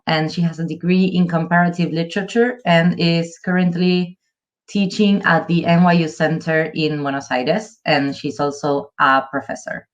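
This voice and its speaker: A woman moderator introducing a speaker with a short bio. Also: on the low side. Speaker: event moderator. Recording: dull lo-fi audio.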